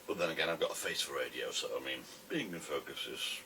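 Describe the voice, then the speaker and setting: Deep, raspy British smoker, wryly rambling. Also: male voice, fast, bright, forceful tone. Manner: wry, self-deprecating. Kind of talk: casual rambling vlog to camera. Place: a room at home, alone. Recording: distant camera mic with faint noise.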